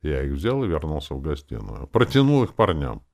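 A man reading a first-person fantasy audiobook with a wry, lively delivery. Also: extremely low pitch, a little fast, gravelly. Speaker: audiobook narrator.

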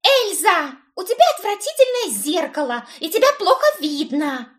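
A woman voicing a bossy young witch cousin who shouts shrill demands. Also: big pitch swings, moderate pace. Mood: shrill demanding.

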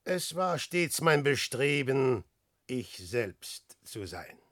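Peer Gynt, grandiose and brooding. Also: male voice, medium pitch, very animated, slow pace, a bit bright, heavily acted. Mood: proud. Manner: declamatory, musing aloud in rhyme. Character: Peer Gynt, restless grandiose adventurer, adult man. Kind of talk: classic radio drama acting.

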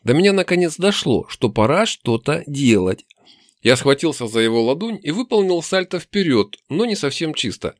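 Man narrating an audiobook in a lively voice. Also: on the high side, normal speed, no room sound, clean studio sound. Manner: wry, lively storytelling. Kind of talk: first-person fantasy audiobook narration.

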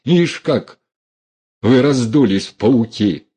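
A man's voice: medium pitch, animated, slow, mellow, husky, pitched above the performer's own voice. A man voicing a furious, defiant young woman who hurls scornful accusations at her relatives.

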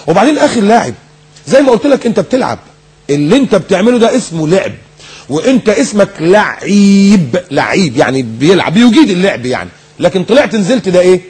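A man with an Egyptian Arabic accent preaching a recorded sermon, animated and mocking, firing rhetorical questions and mimicking people. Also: sits high, husky.

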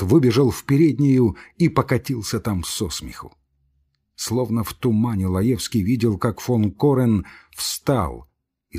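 A man narrating a classic story in a dramatic literary reading with expressive intonation. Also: lowish voice, husky. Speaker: audiobook narrator.

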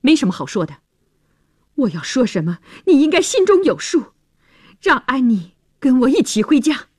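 A woman playing a furious young man in a spoken story, his accusing lines pushed up high and loud, swinging widely in pitch. The voice is slightly husky and dry, close to the mic. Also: very animated, measured pace, no echo, heavily acted. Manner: bitter, accusing, raises voice. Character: angry young man confronting his sister.

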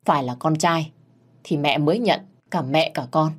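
Woman playing a stern older matriarch, low husky voice, commanding. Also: normal speed. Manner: commanding, blunt.

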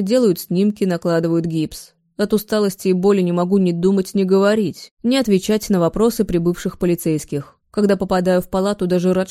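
A woman reading a romance novel aloud in the first person, in an even, measured way. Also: medium pitch, dry recording, clean studio sound. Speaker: audiobook narrator.

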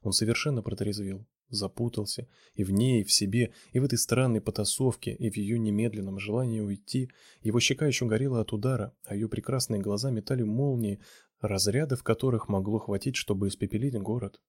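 A man reading a romance novel aloud in a steady, measured narration. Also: fairly low pitch, slightly rough, no room sound, studio quality. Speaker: audiobook reader.

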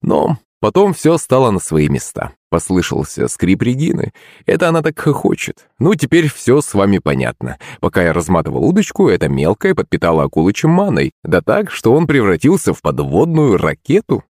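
A man narrating an audiobook in an expressive, conversational manner. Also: lowish voice, normal speed, dry recording, clean studio sound.

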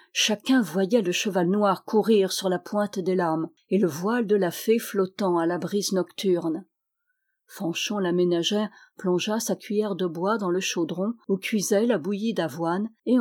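A woman reading a historical novel aloud as an audiobook, lively, lifting her voice for the villagers' lines. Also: medium pitch. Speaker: audiobook reader. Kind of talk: scripted narration.

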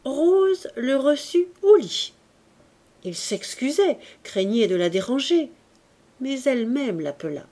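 A woman reading a classic novel aloud as an audiobook, in a calm, even way. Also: high voice, takes it slowly. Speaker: audiobook reader. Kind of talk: literary audiobook narration.

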